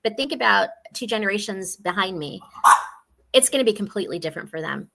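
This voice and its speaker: Speaking fast with lively intonation and some vocal fry, this medium-pitched woman in her forties is heard against heavy background noise. A financial specialist, she's on a casual video-call interview from home, a dog barking close by, explaining things in an earnest, warm, chatty way and laughing easily.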